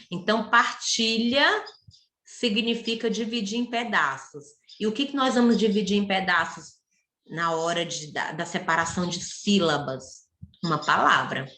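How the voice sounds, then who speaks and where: Teaching young children in an online lesson, a woman primary school teacher patiently sounds out words syllable by syllable at a slow pace. Her mid-range voice is bright and moves up and down a lot as she guides them, and the room echoes around her.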